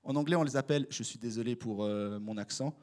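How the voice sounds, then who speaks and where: A man's voice: medium pitch, quick pace. A young man with a Swiss French accent preaching a casual, conversational sermon, speaking straight to his listeners. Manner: animated, conversational, addresses the congregation directly.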